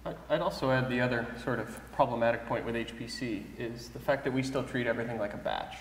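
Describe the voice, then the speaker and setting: Man, panelist, thoughtful, hedging, mid pitch, echoey hall. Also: fast talker. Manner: thoughtful, hedging with "sort of" and "you know". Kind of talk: conference panel discussion. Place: large conference hall stage. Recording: echoey hall with faint room noise.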